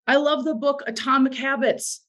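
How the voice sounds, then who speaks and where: A woman's voice: sits high, fairly even intonation, moderate pace, a bit bright. A woman giving a motivational talk to a sales team, emphatic and repeating phrases for effect, with a bit of morning voice. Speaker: direct sales team leader.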